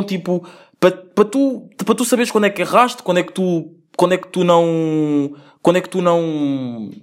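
Fast-talking, slangy young man. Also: high-pitched. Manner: slangy, rambling, lots of swearing and filler. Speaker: podcast host. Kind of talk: casual solo podcast monologue.

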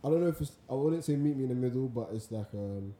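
A man's voice: medium pitch, lively intonation, quick pace, warm tone. A young man with a London roadman accent, telling things casually in heavy slang. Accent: London roadman, Multicultural London English. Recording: roomy echo.

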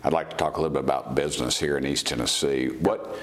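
A man's voice: very deep voice, fairly even intonation, fast. A middle-aged man, interviewing in a casual, folksy, informal way. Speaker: interviewer, host.

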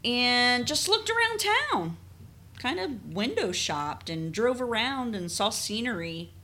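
A woman's voice: on the high side, very animated, slow, pushed and bright. A woman co-hosting a casual travel podcast, leading the chat and retelling the day from her notes. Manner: chatty, leads the story from her notes. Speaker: podcast co-host.

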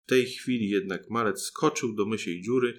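A man reading a fairy tale aloud as an audiobook narrator, with a measured storytelling cadence. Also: lowish voice. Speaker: audiobook reader.

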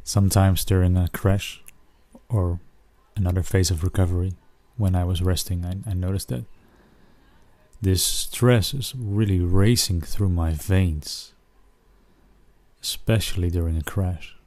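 A man narrating a soothing guided relaxation like a sleep story, speaking gently in short phrases with long pauses. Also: deep voice, steady tone, no echo.

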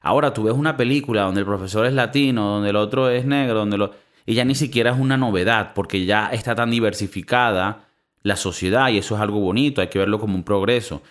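A man's voice: on the low side, quick pace. A man with a Venezuelan Spanish accent, co-hosting a podcast in casual, slangy chat full of swearing. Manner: animated, slangy, swears freely. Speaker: podcast co-host.

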